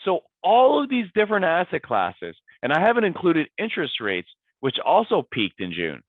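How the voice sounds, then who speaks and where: A man with a raspy voice, hoarse from a cold, presenting a weekly investment market update as an adviser, laying out his points emphatically and repeating key words. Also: on the high side, wildly swooping pitch, moderate pace, dry recording. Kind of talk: scripted-feeling market commentary presentation. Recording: dry, tinny phone-like sound.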